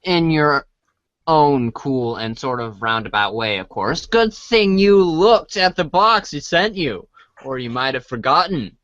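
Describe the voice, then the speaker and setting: On the high side with lively intonation, a man reads a comic aloud as a storybook, unhurried and fairly bright in tone. He's casual and stumbles as he goes, recorded dry, dull and band-limited, without echo.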